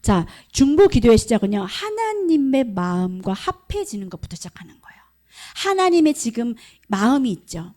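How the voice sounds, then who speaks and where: Middle-aged woman pastor, emphatic sermon voice, warm and mellow. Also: a little high, sing-song, moderate pace. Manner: emphatic preaching, asks the congregation questions. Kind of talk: sermon at a prayer meeting. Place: church hall.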